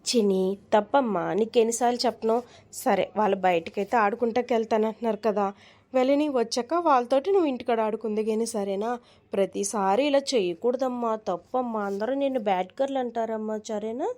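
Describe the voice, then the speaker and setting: A woman's voice: high voice, fairly even intonation, quick pace, darkish tone, lightly acted. A woman voicing a cartoon mother who scolds her son and coaxes her little daughter. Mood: coaxing. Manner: scolding then coaxing, motherly. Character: mother of the children, stern but caring. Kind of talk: cartoon voice dubbing.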